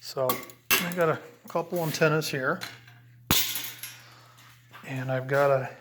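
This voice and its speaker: A man with a fairly high, steady voice takes his time explaining CB radio setup while handling the equipment. His casual how-to rambles and restarts as he goes. The camera-mic recording is very noisy.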